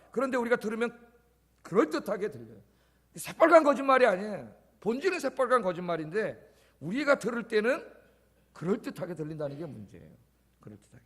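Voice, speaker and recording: A man preaching a sermon as pastor, speaking emphatically and echoing key words in a quieter voice. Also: high voice. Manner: emphatic preaching, repeats key words softly after stressing them. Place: church sanctuary. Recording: long church reverb.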